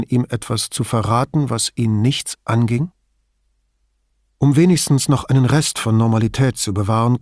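A man narrating a novel as an audiobook, in an expressive storytelling manner. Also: medium pitch, no room sound, studio quality. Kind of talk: scripted narration.

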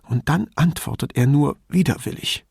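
A man's voice: fairly high pitch, creaky, a little mellow, breathy edge, no room sound, studio quality, pitched above the performer's own voice. A man voicing a worried, defensive woman professor who talks about her son in a storybook reading. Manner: tense and quick to bristle.

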